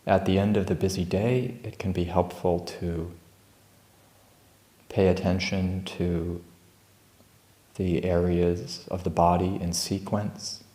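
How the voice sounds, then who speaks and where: A deep-voiced man, a meditation teacher at a Buddhist monastery, offers calm, gentle instructions indoors in an even tone with little rise or fall. Long, unhurried pauses fall between his phrases, and the room echoes noticeably.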